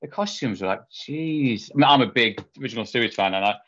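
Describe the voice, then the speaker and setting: A man's voice: fairly low pitch, very fast, a bit bright. A man co-hosting a podcast, talking in a rambling, chatty, amused way. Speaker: podcast co-host. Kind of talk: casual chat. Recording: dull lo-fi podcast audio.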